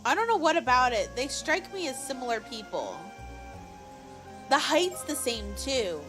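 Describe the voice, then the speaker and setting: A woman streamer commenting playfully on a game, animated and playful. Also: sits high, unhurried, over music.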